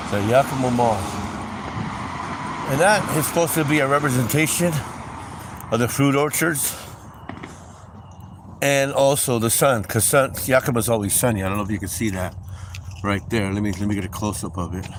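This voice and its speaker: A man's voice: medium pitch, normal speed, long pauses. A middle-aged man on a livestream, chatting in a rambling, casual way as he tells stories and points out sights while driving through town. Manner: rambling, chatty, with frequent "anyway" and "um". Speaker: livestream host. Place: in a car on city streets. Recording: street traffic noise. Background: traffic and city ambience.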